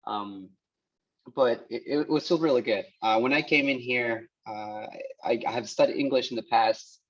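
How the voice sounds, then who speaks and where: A man in his thirties from El Salvador, whose first language is Spanish, talks as a guest engineer on a video call, halting, with many restarts and fillers. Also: mid-range voice. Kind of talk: casual talk on a video call. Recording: dull lo-fi call audio.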